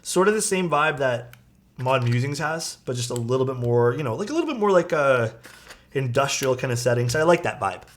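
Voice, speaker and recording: A young man builds keyboards on a livestream from a small rented room, rambling easily and talking to chat through a streaming mic. His medium-pitched voice is animated and fairly quick.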